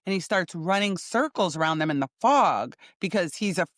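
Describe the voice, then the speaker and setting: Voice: mid-range voice, animated, normal speed, a bit bright, no echo, clean studio sound. A podcast host giving a casual, chatty recap of a TV episode, thinking aloud with small laughs and restarts.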